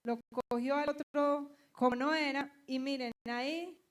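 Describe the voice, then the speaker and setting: A woman's voice: sits high, measured pace. A middle-aged woman pastor with a Colombian accent, preaching a sermon and telling personal stories, acting out the voices of the people in them. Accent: Colombian Spanish. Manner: animated storytelling, acting out quoted voices.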